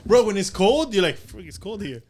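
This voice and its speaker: A man's voice: sits high, big pitch swings, brisk, darkish tone. A man in his late twenties chatting casually on a podcast, laughing often and slipping Spanish phrases into his English. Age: late 20s. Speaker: podcast guest. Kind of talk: casual chat.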